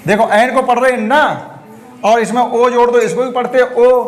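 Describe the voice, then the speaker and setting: The voice belongs to a male primary school teacher with an extremely high, steady pitch who speaks at normal speed. Amid a noisy classroom of chattering kids, he patiently spells words letter by letter and repeats them.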